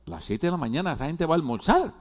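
A man pastor giving a humorous sermon in a church, joking with the congregation and swinging between loud and hushed. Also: on the high side, fast. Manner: animated, jokey preaching with wide swings in loudness. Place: church hall.

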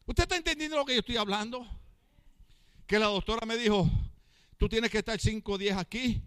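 High-voiced preaching pastor, shouting. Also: male voice, steady tone, moderate pace, smooth, dry recording. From Latin America. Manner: shouts and drags out words for emphasis, asks the congregation questions, jokes. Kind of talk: lively Pentecostal-style sermon. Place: church.

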